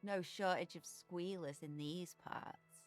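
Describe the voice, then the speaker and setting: Rude young street artist girl, sneers and swears, slow lazy drawl, lowish voice. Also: fairly even intonation, faint music behind. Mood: sneering. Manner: insulting, sneering, sarcastic. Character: foul-mouthed young female street artist, hostile.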